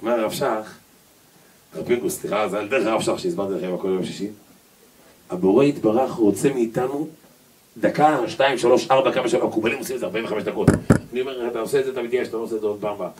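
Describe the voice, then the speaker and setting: A man's voice: fairly low pitch, a little mellow. A man, a rabbi, giving a humorous Torah lecture and acting out little scenes and voices as he goes. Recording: distant mic with noticeable noise.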